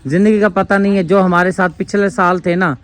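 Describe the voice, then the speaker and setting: Man, somewhat high voice, earnest and fervent, for a casual charity vlog full of blessings. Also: little pitch movement, a bit bright. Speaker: charity vlogger handing out food aid. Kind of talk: casual vlog narration with prayers and appeals.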